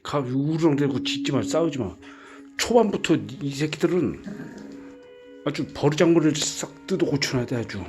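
A man talking casually in a gruff, exasperated way, scolding and sighing, with repeated commands and frequent swearing. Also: on the high side, expressive, normal speed, music in the background. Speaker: vlogger caring for puppies.

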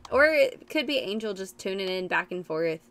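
Giggly young woman streamer, gravelly edge. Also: medium pitch, expressive, normal speed, a bit bright. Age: 20s. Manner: giggly, chatty, easily surprised. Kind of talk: casual gaming stream chat.

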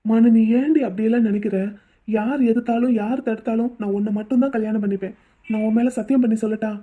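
A woman voicing a devoted rich young man in a cartoon drama, husky and pleading. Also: a little high, steady tone, fast talker, natural voice. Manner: pleading, tender. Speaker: voice actor. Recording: tinny phone-like audio.

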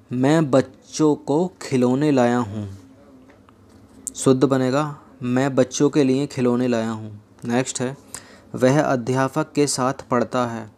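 A young man teaching an exam-prep grammar lesson, reading example sentences slowly and dropping in joking asides. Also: mid-range voice, darkish tone.

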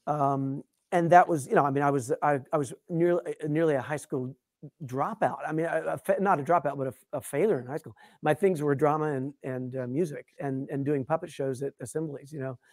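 In a studio-quality interview with no room sound, a middle-aged guest puppeteer chats casually and tells animated, self-deprecating stories, often restarting. His voice is fairly high and a little fast.

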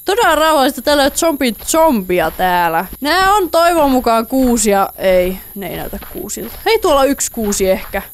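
Playful high-voiced woman gaming. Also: sing-song, hardly any pauses. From Finland. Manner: playful, chatty, talks to in-game zombies. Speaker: let's play gamer. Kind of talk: casual gameplay commentary.

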